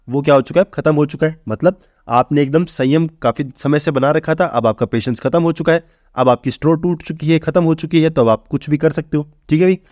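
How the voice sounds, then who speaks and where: The recording is dry and studio-quality, featuring a man whose voice is a little high and a little mellow. Casual in manner, he teaches exam-oriented English vocabulary, refers to students as "bhai," and works through the material step by step with self-posed questions and answers.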